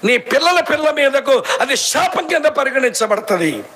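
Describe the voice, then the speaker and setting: Male preacher, Srikakulam Telugu accent, very high voice, lively storyteller who mocks and scolds. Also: normal speed. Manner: animated storytelling, acting out quoted women; scolding, mocking, emphatic. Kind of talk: sermon.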